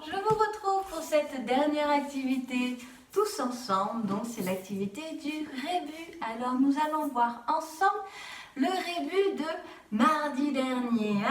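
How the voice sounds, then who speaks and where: Woman teacher, high voice, unhurried, patient with small children, roomy sound a bit off-mic. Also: recorded from a distance, slight background noise. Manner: patient, keeps asking "d'accord?". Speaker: kindergarten teacher. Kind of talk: home-schooling video lesson.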